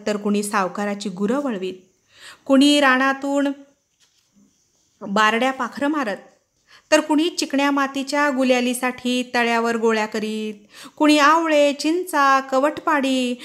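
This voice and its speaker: A woman reads a short story aloud with vivid, dramatic expression. Her voice sits a little higher than most women's, and she shapes each scene with feeling. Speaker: story reader.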